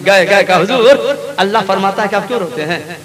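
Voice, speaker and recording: High-voiced fervent male preacher. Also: expressive. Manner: swings from soft storytelling to loud, fervent calls for the crowd's response. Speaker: Islamic preacher. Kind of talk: sermon to a live gathering. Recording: live event with crowd audible. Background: crowd.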